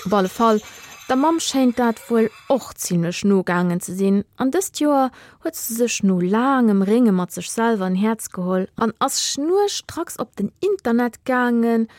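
A woman's voice: a little high, lively intonation, unhurried, darkish tone, no echo. Woman reading a children's story, dry studio sound. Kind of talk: scripted story narration for children's radio.

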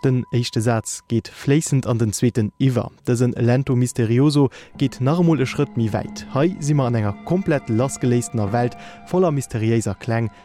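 A man reading a scripted music review for radio in a measured way. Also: mid-range voice, mellow. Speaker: music critic.

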